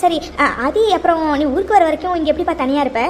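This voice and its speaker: A woman's voice: very high-pitched, quick pace, a little hiss or hum. A woman voicing a fussy, impatient middle-aged mother in a cartoon serial. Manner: nagging, fussy.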